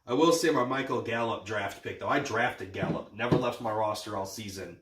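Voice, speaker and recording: A man's voice: on the low side, fairly quick, a bit bright, a little hiss or hum. Male sports podcaster, stuffed-up sniffly nose, cocky and sweary banter, recorded roomy and off-mic. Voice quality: congested, blocked-nose sniffly voice. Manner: boastful, sweary. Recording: echoey room, distant from mic.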